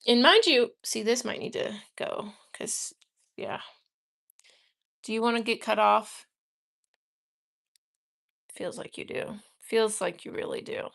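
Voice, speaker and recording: A woman's voice: medium pitch, steady tone, slow pace, gravelly, long pauses. A woman chatting casually on a live stream at home, rambling fondly and talking to her houseplants. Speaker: livestreamer offering paid personal readings. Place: her own home, indoors.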